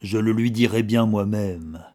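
A man's voice: lowish voice, a little slow, mellow, natural voice. A man reading the lines of a dying peasant who is weak yet irritable. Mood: angry.

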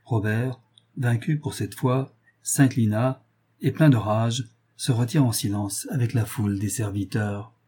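A man narrating a novel chapter in a measured, even storytelling manner. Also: mid-range voice, husky. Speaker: audiobook narrator.

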